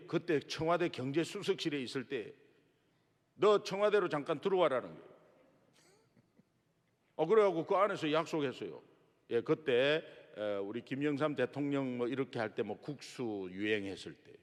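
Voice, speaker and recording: Middle-aged gyeongsang pastor, high voice, lively funny storytelling sermon, big echoey sanctuary. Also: male voice. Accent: Gyeongsang Korean. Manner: animated storyteller, acts out dialogue with humor. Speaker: guest pastor. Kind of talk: revival sermon. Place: large church sanctuary. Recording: long reverb of a big sanctuary.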